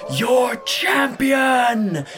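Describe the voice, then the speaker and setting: A man's voice: very high-pitched, big pitch swings, extremely slow, music in the background, pitched above the performer's own voice, full character voice. A man voicing a grinning male fight ringmaster who bellows to a roaring crowd. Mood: exultant.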